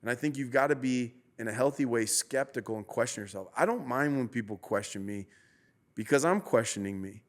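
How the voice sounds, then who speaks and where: A man's voice: mid-range voice, animated, brisk. A man, a pastor hosting a podcast, talking through his thoughts in an earnest, preacherly way and asking himself rhetorical questions. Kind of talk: reflective conversational podcast talk.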